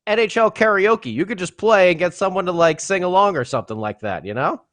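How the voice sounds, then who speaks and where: Lively high-voiced joking man. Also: quick pace. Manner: playful, lively, stumbling restarts. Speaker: podcast co-host. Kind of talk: casual podcast chat.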